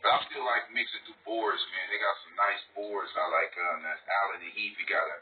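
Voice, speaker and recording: A man's voice: sits low, steady tone, brisk. A man hosting a casual hip hop interview, talking in a laid-back, slangy way with lots of fillers. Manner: laid-back slangy talk, fillers like "you know what I'm saying". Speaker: interview host. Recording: echoey room, tinny phone-like sound, faint noise, far from mic.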